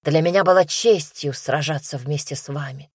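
A woman's voice: low-pitched, normal speed, breathy edge, dry recording, studio quality. A woman voicing a male warrior who speaks in a growling, tense and urgent way.

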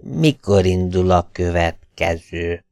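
A man voicing a drunken, muddled old Russian hut keeper with slow, slurred, dazed speech. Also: lowish voice, sing-song, smooth, no room sound, studio quality.

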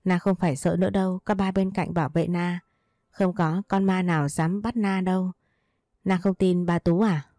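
Storybook husband, gentle and reassuring, read by a woman, low warm voice. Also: steady tone, moderate pace, no room sound, studio quality, close to an everyday voice. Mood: soothing. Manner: soft, soothing, patient. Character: gentle caring adult husband, man.

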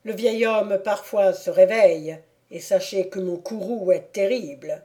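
A stern aristocratic count, an older father who reasons gravely and slowly, as a woman reader voices him. The tone sits low and mellow, unhurried, with a solemn, persuasive weight. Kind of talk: audiobook character reading.

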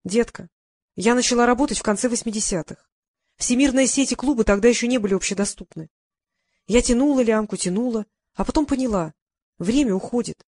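A weary mother in her mid-forties speaks in tired, measured tones, voiced by a woman narrator. She is guarded and secretive, a storybook figure. The sound is close and dry. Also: a little high, a little mellow, dry recording, lightly acted. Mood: confessing.

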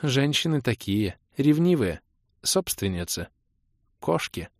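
A man's voice: mid-range voice, very animated, no room sound, studio quality, voice pushed up. A man voicing a worried middle-aged mother who nags and fires off anxious questions. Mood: fretful. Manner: anxious, nagging, rapid questions.

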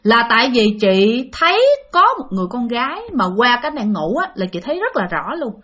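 Woman storyteller with a Southern Vietnamese accent: chatty ghost-story narration, speaks straight to the audience, voice on the high side. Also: sing-song, brisk, pushed and bright. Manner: chatty, addresses listeners directly, repeats words for effect.

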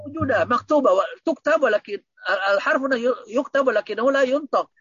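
A man's voice: extremely high pitch, quick pace, a bit bright, dry recording, muffled recording. A man teaching Arabic grammar online, patiently repeating points and quizzing his students.

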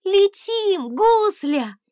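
A woman doing a high, bold young princess. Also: animated, unhurried, no echo, studio quality. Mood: encouraging. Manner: urgent, commanding. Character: brave spirited young princess.

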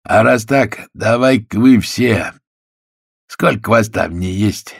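A hoarse, swaggering gangster, put on by a male reader, drawling his slang with open mockery. The voice sits low with a gravelly edge. It is recorded close and dry. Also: slow pace, no echo, heavily acted. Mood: mocking.

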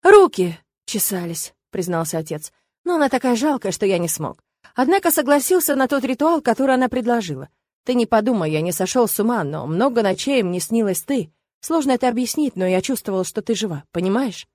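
Woman doing a gruff, protective father. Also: a little high, expressive, a little fast, darkish tone, no echo. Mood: earnest. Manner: grumbling, scornful, fiercely protective. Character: gruff protective middle-aged father, mocking and stern. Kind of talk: audiobook character voice.

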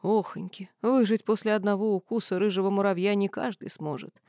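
A woman's voice: mid-range voice, steady tone, a little fast, mellow, no room sound, studio quality, natural voice. A woman voicing a kindly, chattering old woman servant in an audiobook, talking in a folksy, fussing way.

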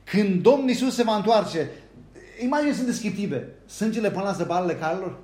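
High-voiced preacher in an echoey hall. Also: male voice, lively intonation, darkish tone. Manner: reads scripture aloud, asks the congregation rhetorical questions, often adds "da?". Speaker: pastor. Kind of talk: sermon. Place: church hall.

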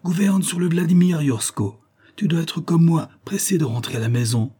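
A storybook's impetuous young navy lieutenant, high-pitched and keyed up, as a male narrator puts him on. He calls out with an excited, eager lift in a mellow, husky voice. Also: moderate pace, natural voice. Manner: excited, calling out.

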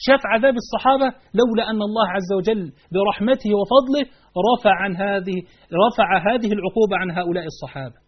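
High-pitched, fast Egyptian preacher. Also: male voice, husky. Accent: Egyptian Arabic. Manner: emphatic, poses rhetorical questions to the audience. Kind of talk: religious lesson. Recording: dull lo-fi recording.

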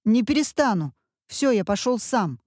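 High whiny kid voice from a woman reader, demanding, storybook. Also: big pitch swings, normal speed, darkish tone, no room sound, clean studio sound. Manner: whining, demanding. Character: whiny impatient little schoolboy.

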